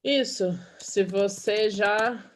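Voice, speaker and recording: A woman from Brazil leads an online English class, speaking in a mid-range voice. She explains each point patiently and checks in often with a quick "okay?". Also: mid-range voice. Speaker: English teacher.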